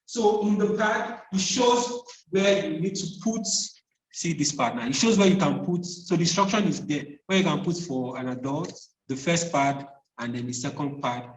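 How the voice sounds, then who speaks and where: Higher-pitched male trainer in an echoey room. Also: expressive, normal speed. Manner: instructive, repeats key points. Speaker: first aid trainer. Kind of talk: live hands-on demonstration, narrating each step. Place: indoor room, speaking away from the mic. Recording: echoey room, distant microphone.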